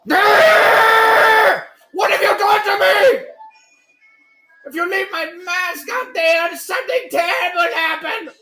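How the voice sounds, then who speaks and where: A man's voice: very high voice, very animated, measured pace, a bit bright, echoey room, faint music behind, exaggerated voice, low-quality recording. A man voicing an eerie, melodramatic mask salesman from a video game, reading the dialogue aloud. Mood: frantic. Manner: melodramatic, swinging from solemn to shrieking. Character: eerie, theatrical mask salesman, pleading and frantic.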